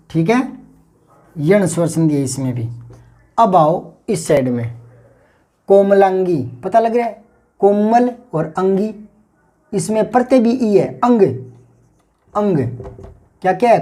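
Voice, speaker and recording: A man's voice: sits high, dark tone. A man teaching a grammar lesson, explaining patiently and repeating key words aloud to drill them. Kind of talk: classroom-style grammar lesson.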